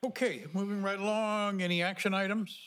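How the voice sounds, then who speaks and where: High-voiced man chairing a public hearing. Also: flat delivery, fairly bright tone. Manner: reads formal text quickly, stumbling and restarting words. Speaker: planning commission chair. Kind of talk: chairing a public meeting, reading procedural statements.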